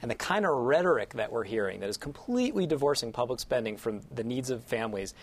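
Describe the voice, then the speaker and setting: Fast-talking earnest man. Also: medium pitch, big pitch swings. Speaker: guest panelist. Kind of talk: political roundtable discussion.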